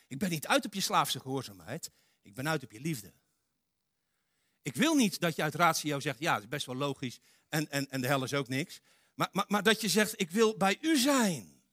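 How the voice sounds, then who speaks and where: A man preaching a lively sermon in a church. His voice is bright and forward, and the sound is close and dry with no room echo. He acts out quotes dramatically, swinging from loud to hushed. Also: fairly high pitch.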